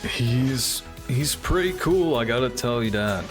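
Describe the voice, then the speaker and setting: With trailer music in the background, a gaming video creator offers relaxed, thinking-aloud commentary on game trailers. His voice is mid-range and animated, and he talks a little slowly.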